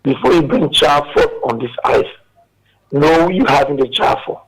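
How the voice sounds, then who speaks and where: Gravelly man calling in. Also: a little high, lively intonation, poor audio. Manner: hesitant, halting. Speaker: caller. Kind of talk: phone-in comment.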